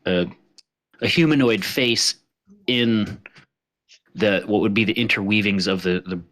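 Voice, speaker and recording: Forceful-voiced man running a tabletop game. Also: lowish voice. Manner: halting, informal. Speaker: game master. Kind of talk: casual tabletop game narration.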